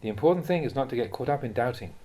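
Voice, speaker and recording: With lively intonation and a warm tone, a mid-pitched man reads translated Buddhist teachings as an audiobook would. His delivery stays measured and instructive, every phrase set out clearly.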